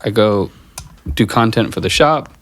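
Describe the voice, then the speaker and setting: A man's voice: on the low side, expressive, a little slow, a bit bright. A man who is a guest musician in a casual podcast conversation, talking in a blunt, profane, matter-of-fact way.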